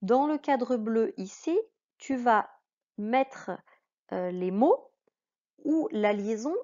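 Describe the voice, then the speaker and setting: A woman's voice: a little high, warm tone. A woman teaching a reading lesson to children, patient, drawing out each example word. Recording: dull lo-fi sound.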